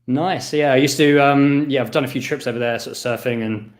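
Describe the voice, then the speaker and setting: A man with a mid-pitched voice hosts an informal interview. He speaks in a conversational, slightly halting way, repeating small words as he forms his phrases. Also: steady tone. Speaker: podcast host. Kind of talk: casual interview chat.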